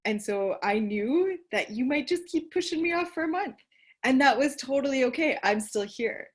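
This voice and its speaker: A woman hosting a casual video call conversation as a coach, encouraging and quick to laugh. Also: high voice, expressive. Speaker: podcast host and coach.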